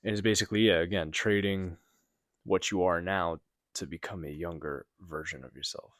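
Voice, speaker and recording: A man's voice: sits low, moderate pace, dry recording, clean studio sound. A young man hosting a podcast alone, telling a story in rambling casual talk with lots of fillers and swearing, still recovering from being sick. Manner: rambling, heavy filler words and profanity; gets loud and animated retelling a shock. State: recovering from sickness. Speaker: podcast host. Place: apartment building room.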